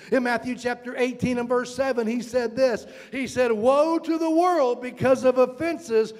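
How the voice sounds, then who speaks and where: A man preaching a sermon as pastor, animated and calling out to his congregation. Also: very high voice, long reverb tail. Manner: animated preaching with audience call-outs.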